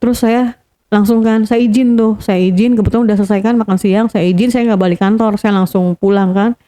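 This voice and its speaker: A woman's voice: medium pitch, fairly even intonation, a little fast, warm tone. A woman guest telling a painful family story in earnest first-person detail, repeating key points for emphasis. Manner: earnest, re-enacts quoted dialogue, repeats for emphasis.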